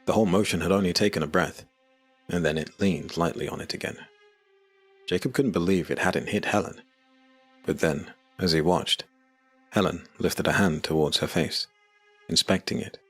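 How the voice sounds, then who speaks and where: A male narrator tells a dark fantasy story in a measured, even way. His voice sits very low. Soft music plays faintly behind him. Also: breathy edge. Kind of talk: scripted narration.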